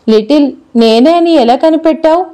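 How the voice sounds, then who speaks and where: A woman's voice: high-pitched, fairly quick, warm tone, natural voice. A woman reading a doting, teasing grown man. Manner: teasing, coaxing.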